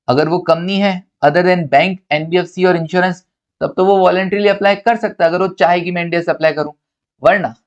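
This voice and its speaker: A man from India giving a playful, teasing accountancy lecture, posing questions and then answering them himself. His voice sits slightly high, and the recording sounds dull and lo-fi.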